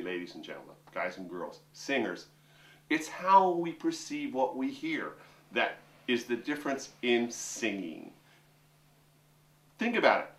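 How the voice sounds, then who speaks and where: A middle-aged vocal coach and opera singer talks to camera in a mid-range, fairly bright voice, giving a lighthearted, chatty lesson from a room with a piano. The distant mic gives the audio a roomy quality.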